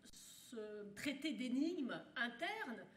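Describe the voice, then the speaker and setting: A woman giving a university lecture. She talks in halting bursts with many restarts and puts rhetorical questions to her audience. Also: a little high, sing-song. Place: lecture hall. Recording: roomy hall sound.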